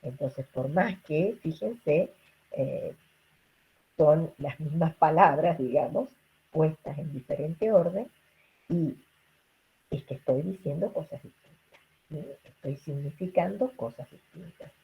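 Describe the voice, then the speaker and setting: A linguistics lecturer with a low, creaky, husky voice gives an online lecture to students over a video call, speaking slowly, and the highs are cut off. She keeps checking in with listeners through rhetorical questions and fillers.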